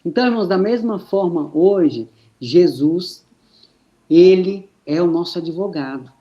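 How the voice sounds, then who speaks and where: A man preaching a sermon, slow and emphatic with many rhetorical questions. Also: high voice, animated, warm tone, lo-fi sound.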